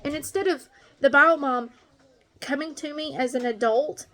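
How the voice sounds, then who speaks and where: A woman's voice: high voice, normal speed, bright, forceful tone. A woman ranting bluntly and angrily as a stepmom in a casual vlog monologue. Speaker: stepmom vlogger.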